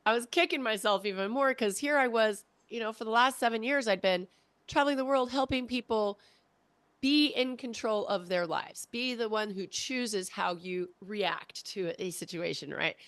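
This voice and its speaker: A woman in her forties, a podcast guest telling her story in a casual interview, animated and quoting her past self. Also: on the high side, moderate pace, dry recording. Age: 40s. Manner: animated, acts out her own past voice in quotes.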